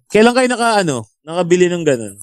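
A man's voice: sits high, sing-song, quick pace. Easygoing man asking chatty questions. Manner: easygoing, asks prompting questions. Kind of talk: casual chat.

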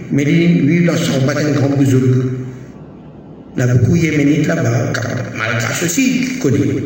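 Réunionese preacher in an echoing hall. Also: male voice, medium pitch, a little mellow, slight background noise. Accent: Réunionese French. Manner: slow, halting, repetitive phrasing with Arabic devotional phrases. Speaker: Sufi preacher. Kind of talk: sermon with anecdote. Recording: echoey hall from far off, faint ambience.

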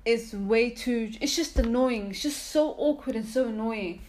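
A woman co-hosting a podcast in casual chat, agreeable and emphatic, quick to laugh. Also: a little high, darkish tone. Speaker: podcast co-host.

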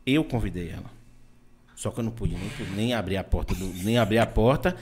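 A man with a Brazilian Portuguese accent in casual opinion chat, emphatic and animated, often restarting his sentences. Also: on the low side, fairly quick, slight background noise.

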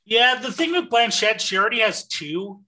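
A man's voice: high voice, very animated, moderate pace, bright, forceful tone, a little hiss or hum. A man co-hosting a podcast, talking casually about movies with enthusiasm and frequent swearing. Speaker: podcast co-host.

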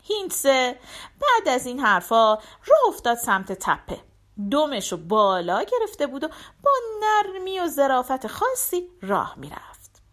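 A woman narrating a folk tale in an expressive, animated storytelling manner. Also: sits high.

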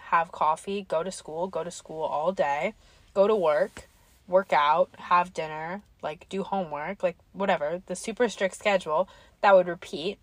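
A woman's voice: fairly low pitch, dry recording. A young woman co-hosting a casual podcast, talking in long rambling runs full of "like", her voice a little worn. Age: young adult. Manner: rambling, filler-heavy, lots of "like". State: slightly losing her voice. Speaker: podcast co-host. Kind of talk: casual chat. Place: quiet street.

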